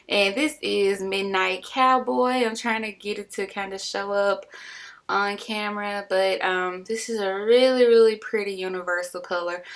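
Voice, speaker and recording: A woman's voice: lowish voice, fairly bright tone. A young woman talking casually through a makeup tutorial as a voice-over, chatty and full of fillers, making light of her own sloppiness. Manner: self-deprecating about sloppiness.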